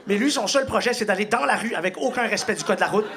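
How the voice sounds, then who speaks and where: Man, Quebec French accent, stand-up comedian, very high voice, animated, comedy club, faint audience laughter. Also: quick pace, a crowd in the background. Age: young adult. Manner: animated, bursts into shouted high-pitched impressions.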